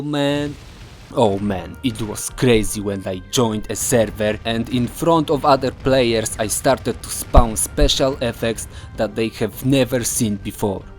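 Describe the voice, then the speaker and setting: A man with a mid-pitched voice narrates as a video creator. His delivery is scripted with casual asides, and he stresses his points emphatically. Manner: emphatic, repeats phrases for effect. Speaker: video maker narrating his own game hacking project.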